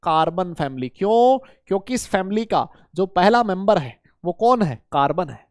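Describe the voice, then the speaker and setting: Man, chemistry teacher, high voice, dry close sound, quizzes the class, playful mnemonics. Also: big pitch swings, normal speed, no echo. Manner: asks students questions and answers them himself; voices imagined student questions. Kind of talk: lively classroom lecture.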